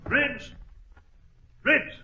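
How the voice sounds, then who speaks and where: An actor playing an earnest gentleman doctor and storyteller, precise and excitable, in 1940s radio style on a muffled recording. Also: drawn-out words, very noisy. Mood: alarmed.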